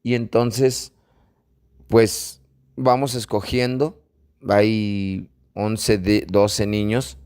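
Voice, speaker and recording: A man's voice: fairly low pitch, flat delivery, drawn-out words, a little mellow, clean tone, dry recording, clean studio sound. A man giving an informal spiritual teaching, emphatic and repeating phrases for stress. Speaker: religious teacher.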